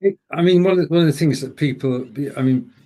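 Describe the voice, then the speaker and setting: A fast-talking man with a slightly high, warm voice appears as a guest expert on a live show from his home broadcasting studio. In this instructive live-stream talk, he gives viewers direct, coaching advice.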